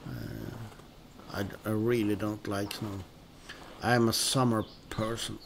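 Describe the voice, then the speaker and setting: A man from northern Sweden with a Swedish accent, commenting on his gameplay in a relaxed, hesitant, musing way with many pauses and restarts. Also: on the low side, creaky, a little hiss or hum. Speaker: gaming video host. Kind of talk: relaxed let's-play commentary.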